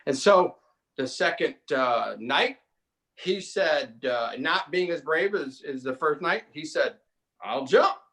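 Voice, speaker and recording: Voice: medium pitch, animated, slow, a bit bright. A speaker hosting a jester act at a live court event, telling a playful story and laughing heartily at the jokes. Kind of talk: live court entertainment banter.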